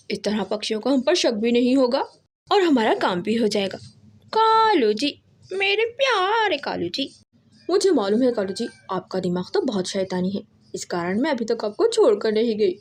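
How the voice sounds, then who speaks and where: A woman's voice: on the high side, expressive, brisk, a little mellow, a little hiss or hum, lightly acted. Gauri, a woman voicing a sarcastic crow wife. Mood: delighted. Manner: teasing, sarcastic. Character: mocking female crow wife, sharp-tongued schemer.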